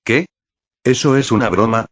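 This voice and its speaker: A man's voice: mid-range voice, normal speed, a bit bright, breathy edge, dry recording, pitched above the performer's own voice. A man voicing a mocking, incredulous male passerby who scoffs in an audiobook reading.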